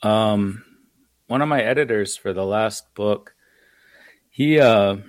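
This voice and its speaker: A man's voice: on the low side, takes it slowly, no echo. An American man, an author, talking through ideas in a rambling, thoughtful way on a podcast. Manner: thoughtful, rambling explanations with fillers. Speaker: author and guest. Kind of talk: casual podcast conversation.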